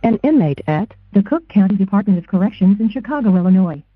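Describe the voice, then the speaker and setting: A woman's voice: medium pitch, lively intonation, quick pace, slightly rough, no echo, faint music behind. A woman's recorded voice announcing a collect call over a payphone line in a formal tone. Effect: recorded payphone prompt over a phone line. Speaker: automated call operator. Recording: tinny, dry phone line.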